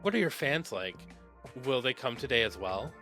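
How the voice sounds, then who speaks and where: A man voicing a clingy, possessive young man, his pleading lines pitched above his reading voice. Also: sing-song, moderate pace, sharp tone, soft background music. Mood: curious, clingy.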